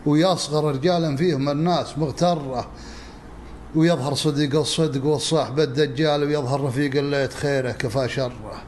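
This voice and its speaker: A man recites Nabati poetry in a measured, rhythmic, rhymed delivery. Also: a little high, steady tone, a little mellow. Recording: clearly noisy background ambience.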